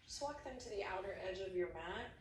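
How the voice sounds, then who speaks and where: A woman leading guided yoga instruction, speaking slowly and soothingly, often sinking to soft near-whispers. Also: mid-range voice, animated, slight background noise. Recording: played back from a video, roomy and distant.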